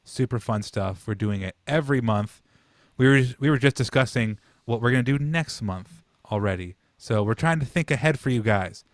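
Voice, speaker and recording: A man's voice: medium pitch, moderate pace, dry recording. Laid-back man on a dry podcast mic. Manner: laid-back, chatty storytelling with swearing. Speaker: podcast co-host. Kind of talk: casual chat.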